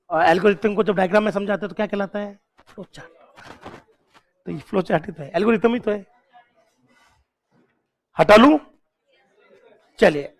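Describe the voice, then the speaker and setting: A man teaching a classroom lecture, drilling key points slowly, repeating them and quizzing students with questions while urging them on. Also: high-pitched. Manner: coaxing and encouraging toward students.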